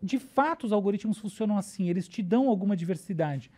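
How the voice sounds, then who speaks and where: A woman's voice: mid-range voice, lively intonation, quick pace, warm tone. A woman with a Brazilian Portuguese accent, a neuroscientist guest on a podcast, explaining ideas in casual talk and often checking in with "tá?" and "né?".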